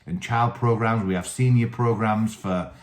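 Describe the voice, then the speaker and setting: A man's voice: on the low side, steady tone, moderate pace. A man with a Teesside accent from north-east England, a coach talking informally and enthusiastically to his channel's viewers, often repeating his phrases. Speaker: wrestling coach and channel host. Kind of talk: informal talk to camera for a video channel. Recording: echoey, reverberant room.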